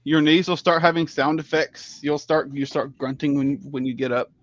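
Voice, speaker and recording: A man with a steady voice on the high side chats casually at a normal pace, dryly teasing the others and often stumbling into restarts of his sentences. The recording has no echo but sounds dull and lo-fi.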